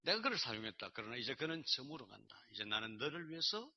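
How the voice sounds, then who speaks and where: A male pastor voicing God in his sermon, speaking in slow, hushed pronouncements. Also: medium pitch, big pitch swings, gravelly, lo-fi sound. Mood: solemn. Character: solemn commanding voice of God.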